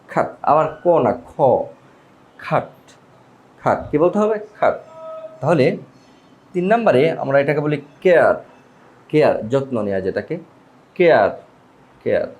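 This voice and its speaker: A man's voice: mid-range voice, darkish tone, slight background noise. A man teaching English pronunciation, repeating each word and quizzing the listener. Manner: repeats each word slowly, asking the viewer back. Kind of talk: spoken language lesson.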